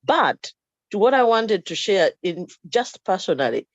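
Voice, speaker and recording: Guest from uganda, lively, acts out quotes, dry muffled audio. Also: mid-range voice, measured pace, no room sound. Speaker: guest caller. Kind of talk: casual discussion.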